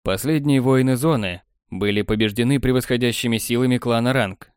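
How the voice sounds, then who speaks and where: A man narrating an audiobook in an even, measured storytelling voice. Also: medium pitch, smooth, dry recording. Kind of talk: scripted narration. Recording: dry close studio sound.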